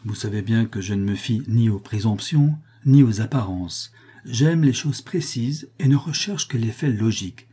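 A man's voice: on the low side, expressive, normal speed, mellow, husky. A man voicing a shrewd, coolly logical male detective in an audiobook, reasoning aloud in a lofty, didactic way. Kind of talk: audiobook reading of a detective novel.

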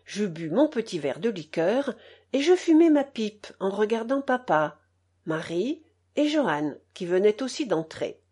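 A woman narrates a novel in a slow, measured reading voice. Her pitch rises and falls expressively from phrase to phrase. Her voice sits in a middle register. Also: sing-song, a little mellow, breathy edge. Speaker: audiobook reader.

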